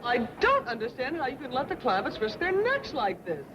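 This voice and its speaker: High-voiced scolding prim woman. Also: huge pitch swings, brisk, crowd noise. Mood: disapproving. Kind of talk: 1960s TV sitcom acting. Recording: very noisy crowded arena soundtrack.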